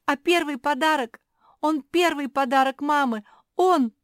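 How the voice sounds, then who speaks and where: A woman's voice: sits high, measured pace, dry recording, clean studio sound, pitched above the performer's own voice. A woman voicing a tearful little pug girl who is crying, in a storybook reading. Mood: sobbing.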